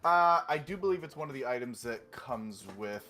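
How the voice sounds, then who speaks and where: A man's voice: medium pitch, expressive, moderate pace, pushed and bright, soft background music. A man co-hosting a gaming stream, patiently walking his partner through the game with lots of filler words. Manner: patient, instructive, with many fillers. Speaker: co-host guiding a game. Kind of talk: casual gaming stream chat.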